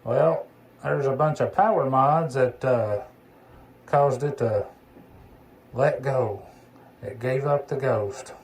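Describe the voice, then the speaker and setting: This man speaks slowly, with frequent pauses and a darkish, medium-pitched tone, as he chats casually as a CB radio hobbyist about a radio he's repaired. He's at an indoor electronics workbench, in a clearly noisy recording with background hiss.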